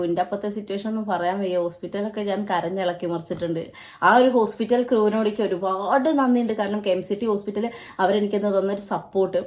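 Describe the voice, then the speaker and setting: A young woman, telling a personal family story in an earnest, halting way with restarts. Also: mid-range voice, darkish tone. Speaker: family vlogger.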